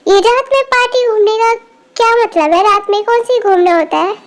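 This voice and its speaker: A bossy, sarcastic young man who scolds and teases, as a woman voices him. The voice sits very high, a fan audio drama dub read in one even voice with no real change for the man. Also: brisk.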